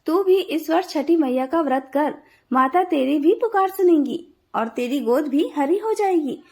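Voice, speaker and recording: Brief: a woman playing a devout elderly mother-in-law in a devotional story, earnest, high voice. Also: animated, unhurried, warm tone. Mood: gentle. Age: older. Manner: pleading, earnest. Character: devout old mother-in-law, pious and gentle.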